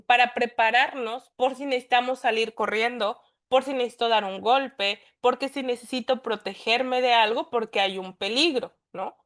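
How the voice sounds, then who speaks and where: A woman with a Mexican accent teaches a class in a voice that sits a little high. She explains things patiently, point by point, and keeps asking rhetorical questions to check that her listeners follow. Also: normal speed, fairly bright tone. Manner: explanatory, poses rhetorical questions and tags them with "¿no?". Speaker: instructor. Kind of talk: class lecture.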